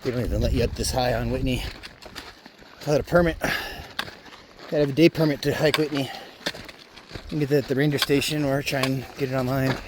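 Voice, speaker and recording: A man talks to his handheld phone as he hikes downhill, chatty and relaxed. His voice sits at an ordinary middle pitch. Clear outdoor noise runs behind him on the trail. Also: brisk, pauses often. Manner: chatty, talking while hiking downhill. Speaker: hiker vlogger. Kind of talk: casual trail vlog.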